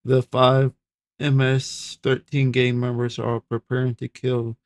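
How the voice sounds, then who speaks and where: A man reading an article aloud and reacting to it, stumbling over hard words and repeating them in a halting way. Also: mid-range voice, monotone, no room sound. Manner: slow, halting delivery. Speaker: streamer reacting to videos.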